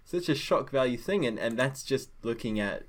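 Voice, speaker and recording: A man's voice: medium pitch, expressive, moderate pace. A young man on a podcast, gushing about a film in rambling casual chat full of fillers. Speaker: guest.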